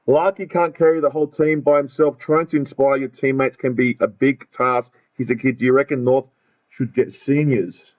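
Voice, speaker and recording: A male podcast host with a broad Australian accent chats casually about footy in a blokey, repetitive way. His voice sits at a middling pitch, and the recording is dull and lo-fi. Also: steady tone, moderate pace. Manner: blokey, repeats phrases. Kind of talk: casual football chat.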